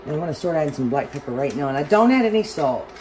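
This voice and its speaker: A Southern woman with a fairly low voice talks her viewers through a home-cooked meal in a loose, rambling way and pokes fun at her own cooking. She is recorded in a home kitchen, with a loud fan humming steadily behind her. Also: big pitch swings, very fast, slight background noise, rough recording. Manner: chatty, rambling, self-deprecating. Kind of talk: casual cooking demonstration. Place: home kitchen, overhead camera on the stove.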